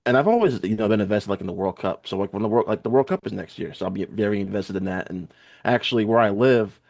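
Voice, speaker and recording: A young American man speaks as a podcast guest, relaxed and easygoing. He hesitates often and fills gaps with small fillers. His voice sits a bit low. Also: quick pace, vocal fry. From United States. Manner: laid-back, hesitant, many fillers. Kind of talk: casual podcast chat.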